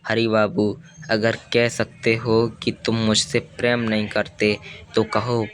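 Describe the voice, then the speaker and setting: A man's voice: lowish voice, monotone, slow pace. A man reading the part of a young married woman, bold and intense, in an audiobook, with an earnest, insistent delivery.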